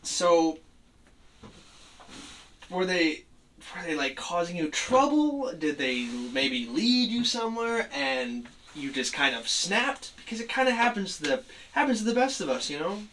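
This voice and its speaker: A man's voice: sits high, sing-song, a bit bright, exaggerated voice. Man acting as a tough cop, distant noisy recording. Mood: coaxing. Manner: tough cop, pressing, skeptical, halting. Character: tough male cop interrogating a suspect, pressing and skeptical. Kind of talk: amateur acted interrogation scene. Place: small room, camera across the room. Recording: distant mic, noisy room.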